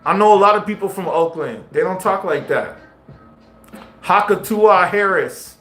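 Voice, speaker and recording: A male livestreamer gives casual commentary, talking in slang directly to his viewers. His voice sits high and is expressive, a little slow and fairly bright. The stream has a roomy echo with faint music behind him.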